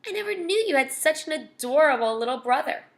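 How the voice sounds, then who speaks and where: A woman voicing a sweet, confident schoolgirl who talks quickly and gushes. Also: high voice, expressive, pitched above the performer's own voice.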